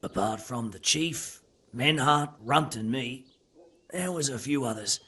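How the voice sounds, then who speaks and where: An actor playing a captured brigand under interrogation in a game, sardonic and evasive. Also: male voice, mid-range voice, lively intonation, measured pace, bright, forceful tone, heavily acted. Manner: sardonic, evasive, rough-spoken.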